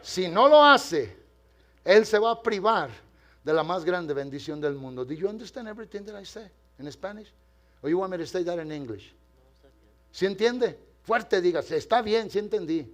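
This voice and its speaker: High-voiced older man preaching a sermon. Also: animated, moderate pace. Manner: swings from quiet storytelling to loud impassioned preaching; addresses the congregation directly. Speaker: pastor. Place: church.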